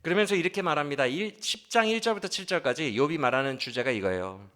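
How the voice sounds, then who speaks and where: A male pastor preaching a sermon in church, animated and always asking the congregation questions. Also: fast. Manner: acts out quoted pleas with sudden swings in pitch and loudness. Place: church sanctuary.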